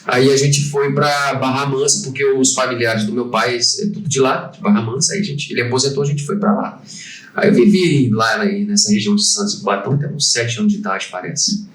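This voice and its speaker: A man's voice: medium pitch, a little fast, fairly bright tone. A Brazilian man in his fifties, a podcast guest who talks in a hesitant way, full of fillers and restarts. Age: 50s. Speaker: guest, franchise owner. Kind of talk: conversational podcast interview. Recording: roomy, distant from the mic.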